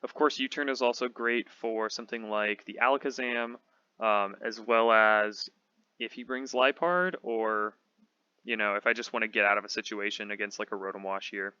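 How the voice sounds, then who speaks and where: A man with a slightly hoarse voice, casually thinking aloud as he talks through a game team build. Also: lowish voice, normal speed, sharp tone, no room sound, muffled recording. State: slightly hoarse, losing his voice. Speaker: competitive Pokemon channel host.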